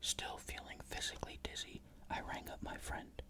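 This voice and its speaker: A narrator reading a ghost story in a breathy, unvoiced whisper, with measured, careful literary phrasing.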